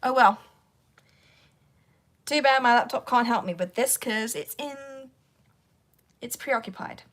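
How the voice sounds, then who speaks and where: With a sore, croaky throat, a woman voice actor chats rambling and casual with her livestream audience, talking to herself as she struggles with her devices. Her voice is fairly high and fairly bright, and she takes it slowly.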